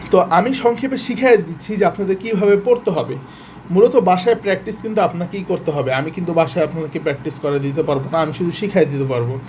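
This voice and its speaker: A man's voice: high-pitched, darkish tone, slight background noise. A man teaching Quran reading in an online lesson, sounding out letters one by one and explaining patiently. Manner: patient, repeats letter sounds slowly then speeds up to explain.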